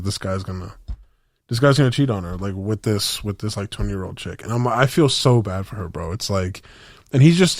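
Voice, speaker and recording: A man's voice: lowish voice, darkish tone, no room sound, studio quality. A young man on a podcast, telling a story in rambling, slangy casual chat with lots of restarts. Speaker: podcast co-host.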